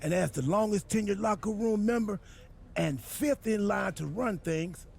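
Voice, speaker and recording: For a video game cutscene, a male actor plays a goofy, self-important wrestler now serving as general manager, rambling in an earnest, absurdly literal way. His voice is high yet darkish, gravelly and husky, at normal speed.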